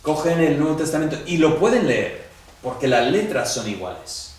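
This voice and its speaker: A man's voice: a little high, big pitch swings, moderate pace, darkish tone, recorded from a distance. A man teaching a class, talking straight to his students in a conversational way and acting out the dialogue he quotes. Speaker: Greek teacher. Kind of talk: classroom lecture. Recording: echoey room, voice from off the mic.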